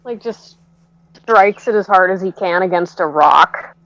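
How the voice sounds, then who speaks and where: A woman's voice: fairly low pitch, unhurried, fairly bright tone, no echo. A woman playing a tabletop role-playing game, playful and giggly. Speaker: player. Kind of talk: tabletop role-play banter. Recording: dry, dull lo-fi audio.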